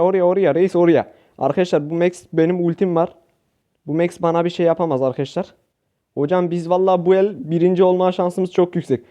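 A young man from Turkey, a gaming YouTuber giving excitable live gameplay commentary, shouting at teammates and repeating words rapidly. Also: high-pitched, highs cut off.

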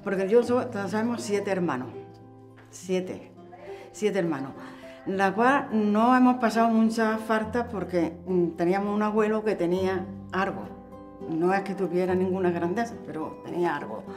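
A woman's voice: medium pitch, moderate pace, a little mellow. A woman in her seventies talks about her family, repeating phrases as she gathers her thoughts. Faint guitar music sits under her voice. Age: 70s. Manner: repetitive, searching for words. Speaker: interviewee, homemaker. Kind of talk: reminiscing interview. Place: living room at home.

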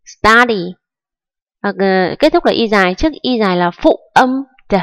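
A woman's voice: mid-range voice, expressive, moderate pace, a bit bright, no echo. Patient woman teaching grammar. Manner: patient, step-by-step, often checks with listeners. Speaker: English teacher. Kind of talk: grammar lesson explanation.

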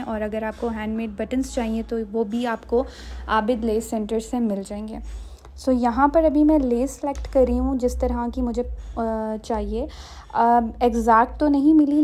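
Walking viewers through prices one at a time, a young woman from Pakistan chats her way through a shopping vlog, sprinkling in English. She has a fairly high voice with a dark tone.

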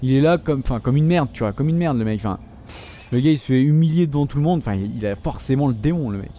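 A young man giving joking, foul-mouthed commentary while playing a video game, often shouting at enemies. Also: medium pitch, animated, fast talker, slight background noise. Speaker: gaming video host. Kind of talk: casual let's-play commentary.

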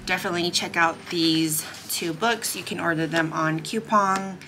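A woman talking casually in a home vlog, soft and unhurried as she reflects and reads aloud. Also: lowish voice, over music. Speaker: vlogger. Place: home in Korea.

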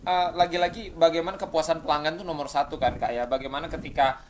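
A man's voice: fairly high pitch, fairly even intonation, quick pace, a little hiss or hum. A man hosting a casual interview chat, teasing and chatty, with many hesitant fillers. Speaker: host.

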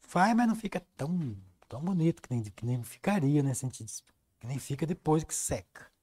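A man's voice: a little high, very animated, a little fast, warm tone. Chatty Brazilian man teaching painting. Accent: Brazilian Portuguese. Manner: chatty, storytelling, reads viewer comments. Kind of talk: live-stream painting lesson.

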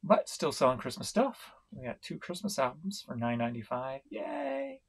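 A middle-aged man from St. Louis, Missouri, giving a casual vlog update on his online reselling, talking in a slow, rambling way with many fillers and restarts. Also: medium pitch, sing-song, creaky, husky. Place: home room, indoors.

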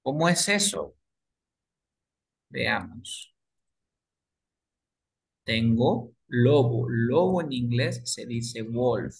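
Spanish-speaking man as a patient English tutor, unhurried, repeats words and quizzes the listener. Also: medium pitch, lively intonation, creaky. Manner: repeats words slowly, asks and answers his own questions. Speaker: English teacher. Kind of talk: explaining grammar to beginners.

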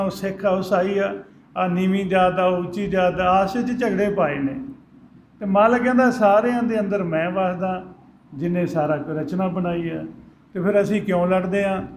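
High-voiced preacher man in an echoey hall. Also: a little mellow, slight background noise. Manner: rhetorical questions, then answers them himself; sings out scripture verses slowly. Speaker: Sikh preacher. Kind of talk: religious discourse. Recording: echoey hall with faint ambience.

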